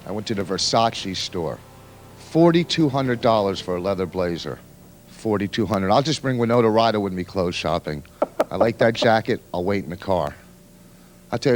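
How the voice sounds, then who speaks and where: A man's voice: lowish voice, a little hiss or hum. A man doing a brash, insulting stand-up routine at an audition, cocky and sure of himself.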